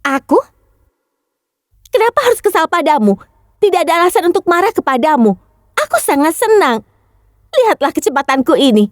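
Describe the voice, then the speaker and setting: An actress dubbing a playful young woman who teases her passenger while driving fast in a TV drama. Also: extremely high pitch, big pitch swings, dry recording, studio quality. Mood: teasing. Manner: teasing, playful. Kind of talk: dubbed TV drama.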